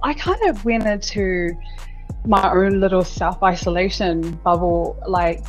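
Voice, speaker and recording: On a rough recording with faint music underneath, a New Zealand business owner in her thirties speaks unhurriedly in a lowish voice. She's a podcast guest in a casual interview, talking candidly and chattily, laughing often and repeating words.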